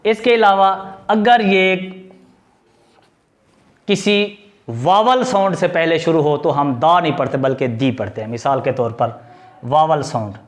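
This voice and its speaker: A man with a slightly higher voice than most men teaches a grammar lesson on video. He keeps putting questions to the viewer and then answers them himself. He explains patiently and goes back over the key points. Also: unhurried, pauses often. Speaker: English teacher.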